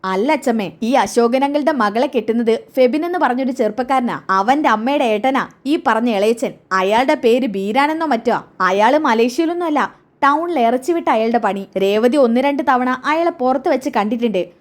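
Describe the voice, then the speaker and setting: A woman's voice: fairly high pitch, lively intonation, moderate pace, lightly acted. A woman playing a frank young grandson. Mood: explaining. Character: eager young grandson, plain-spoken and helpful.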